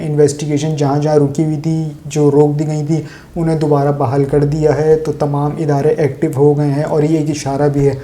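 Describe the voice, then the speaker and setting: Man from pakistan doing solo political commentary, deep dark tone, kinda monotone, sarcastic jabs. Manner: sarcastic, opinionated, addresses viewers directly.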